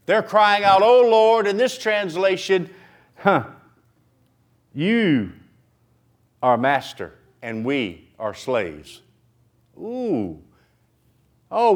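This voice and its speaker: A man preaching a sermon in church, animated, swinging from loud outbursts to quiet asides and acting out prayers. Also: on the high side. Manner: acts out prayers in dramatic voices.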